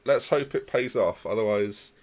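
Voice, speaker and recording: Here a man with a lowish voice chats easily with his live-stream audience at a moderate pace. He keeps up a relaxed conversation with chat as he plays a football management game.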